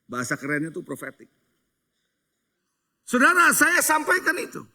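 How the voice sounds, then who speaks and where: A man's voice: extremely high pitch, wildly swooping pitch, normal speed, pushed and bright. A middle-aged male pastor preaching a sermon. He tells stories, asks the congregation questions and mixes English phrases into his preaching. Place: church hall.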